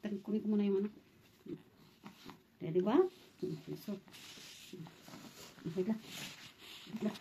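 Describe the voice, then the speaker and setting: A woman's voice: medium pitch, little pitch movement, measured pace, long pauses, dark tone, lo-fi sound. A young mother, soothing and pleading with her baby in a casual home vlog, near tears at times. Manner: soothing, pleading, tearful at times, praying under her breath. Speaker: mother of a premature baby, vlogger. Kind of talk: casual vlog talk while caring for a baby. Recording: noisy home phone recording.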